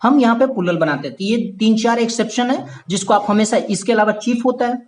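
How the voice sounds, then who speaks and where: A man's voice: sits high, brisk. A man teaching a basic grammar lesson who repeats key points, checks in with listeners and calls them his dear friends. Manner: addresses viewers as "my dear friend".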